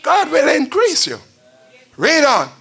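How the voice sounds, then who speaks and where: An older man preaching at a church pulpit, chanting and shouting in a sing-song call-and-response style. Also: very high-pitched, huge pitch swings, takes it slowly, creaky. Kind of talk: chanted Pentecostal sermon. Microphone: pulpit stand mic.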